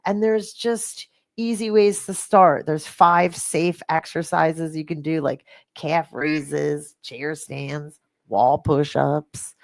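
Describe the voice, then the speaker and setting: A middle-aged woman hosting a fitness podcast, talking in a rambling, animated way with lots of fillers and restarts. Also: low-pitched, slow, gravelly, dry recording. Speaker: fitness coach and podcast host. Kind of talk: casual podcast chat.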